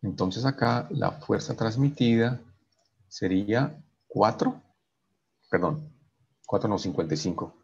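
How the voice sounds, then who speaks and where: Male engineering lecturer, husky voice, stop-and-start explaining, muffled lo-fi recording. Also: on the low side, measured pace, long pauses, a little mellow. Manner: repeats "¿cierto?" after each step, stumbles and restarts. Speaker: engineering professor. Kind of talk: online lecture working through equations.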